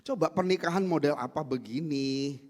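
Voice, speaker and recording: A man preaching a sermon to a congregation, swinging from loud emphatic lines to low soft asides and acting out little family quarrels. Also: normal speed. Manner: acts out everyday family quarrels to make points. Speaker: pastor. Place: church service.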